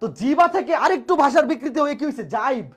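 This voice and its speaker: High-voiced teacher asking questions. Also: racing. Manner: repeats points and asks rhetorical questions. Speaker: math teacher. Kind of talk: live online lecture.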